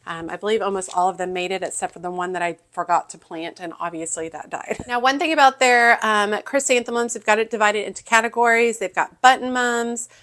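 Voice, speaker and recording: A woman with a Southern US accent talks through a plant catalog in a relaxed, chatty way. She pauses on ums and restarts her sentences, like a gardening host reading picks aloud at home. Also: mid-range voice. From Texas, US. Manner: chatty, with frequent ums and self-corrections. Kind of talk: casual catalog walkthrough.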